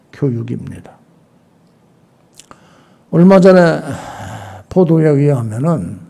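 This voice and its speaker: An older male pastor preaches with a gravelly, husky voice that rises and falls widely. He drives his points home with rhetorical questions and acts out little scenes. His tone is mellow and dark, a bit higher than most men. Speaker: senior pastor. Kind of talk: sermon.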